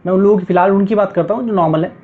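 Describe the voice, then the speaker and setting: A man's voice: sits high, rapid-fire. A man giving step-by-step meditation instructions in a patient, repetitive way, often checking in with the listener. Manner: repetitive, coaxing, frequent "theek hai" check-ins. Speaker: meditation teacher. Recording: dull lo-fi sound.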